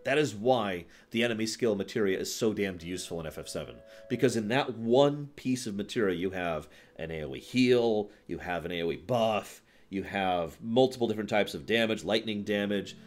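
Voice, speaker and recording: A man hosts a livestream, chatting casually about video games in a fairly low voice, talking briskly with few pauses. He is emphatic and explanatory, often using short tag questions to make sure listeners are following.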